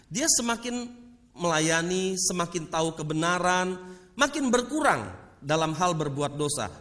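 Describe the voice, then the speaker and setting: High voiced guy preaching in a church, lots of hall echo. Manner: addresses the congregation often as "saudara", animated swings in pitch and loudness. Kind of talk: sermon. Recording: long hall reverb.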